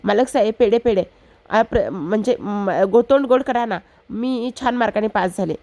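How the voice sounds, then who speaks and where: A woman's voice: fairly high pitch, moderate pace, darkish tone, natural voice. A woman voicing a bold, cheeky young village girl who teases and talks nonstop. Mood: chatty. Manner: chatty, teasing, rambling nonstop.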